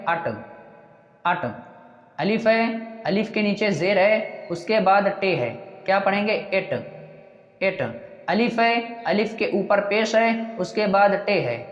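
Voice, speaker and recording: A teacher giving a slow reading lesson who asks what a letter combination says, then answers and repeats the answer. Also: mid-range voice. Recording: dull echoey recording with long reverb.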